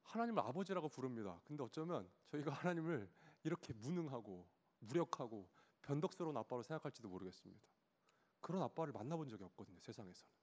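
Man, 30s, pastor, sermon storytelling, lively up-and-down voice, long hall reverb. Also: medium pitch, quick pace. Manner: storytelling, animated, acts out his child's cries.

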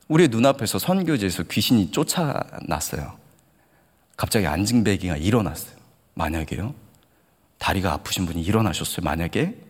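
A man preaching a sermon in a church hall, telling stories with animated delivery and asking the congregation direct questions. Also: on the low side. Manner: animated storytelling, acts out quoted voices. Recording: long hall reverb.

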